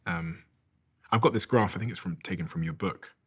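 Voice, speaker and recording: Deep husky interviewer asking questions. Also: male voice, brisk. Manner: curious, asks short prompting questions. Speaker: interview host.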